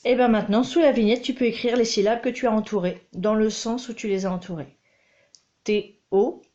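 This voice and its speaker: A woman's voice: a little high, steady tone, brisk, warm tone. A woman teaching her child to read at home, patient and coaxing, recorded on a dull, lo-fi mic. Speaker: homeschooling mother. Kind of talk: reading lesson with a child.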